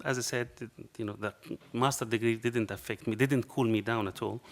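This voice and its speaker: Speaking fairly quickly in a steady, mid-range voice, a middle-aged man with a pronounced Arabic accent recounts a story on a panel, acting out each side of a dialogue. His delivery is passionate, his phrasing non-native. A table mic picks up the anecdotal public talk at a panel table in a dark lecture hall.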